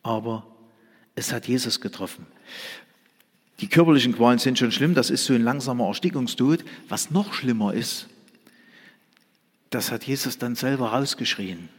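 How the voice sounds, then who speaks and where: A husky-voiced man delivers an earnest sermon in a church hall, his voice trailing into a long reverb. He presses hard on key words, then drops to a near whisper. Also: medium pitch, normal speed, long pauses. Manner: swings from loud emphasis to hushed whispers. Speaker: preacher.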